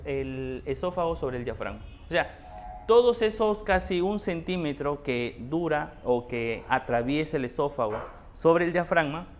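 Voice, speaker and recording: A man's voice: a little high, slight background noise. A man teaching an anatomy class, patiently repeating key terms and asking rhetorical questions. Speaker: anatomy tutor. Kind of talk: explanatory class lecture.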